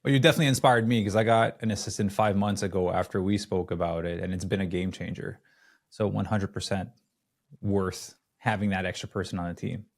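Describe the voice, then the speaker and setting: This is a male podcast host who works as a fitness coach. His voice sits slightly low. He speaks in an upbeat, affirming way, keeping the conversation casual. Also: flat delivery, a little fast, vocal fry. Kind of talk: casual interview hosting.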